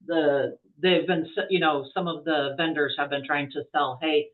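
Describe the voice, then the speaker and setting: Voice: mid-range voice, steady tone, normal speed. A webinar moderator relaying audience questions in a hesitant way with frequent restarts. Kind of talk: casual Q&A moderation. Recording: tinny phone-like call audio.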